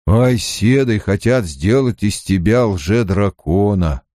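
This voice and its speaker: A calm, steady young man, as a male narrator plays him, speaking in a measured, thoughtful way. The sound is close and dry. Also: fairly low pitch, no room sound.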